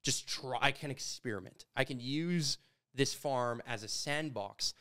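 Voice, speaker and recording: Here is an animated man from Canada in his thirties, telling stories in a relaxed sit-down chat. His voice is smooth and resonant at a middle pitch, picked up close on a studio boom mic. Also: measured pace. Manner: animated, gesturing storyteller. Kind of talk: casual conversation. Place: studio with brick walls. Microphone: studio mic on boom arm.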